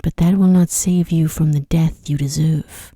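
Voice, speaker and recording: A woman voicing a stern, angry male beast in a bedtime storybook reading, soft, breathy, grim and commanding. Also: sits low, fairly even intonation, normal speed, no echo, studio quality.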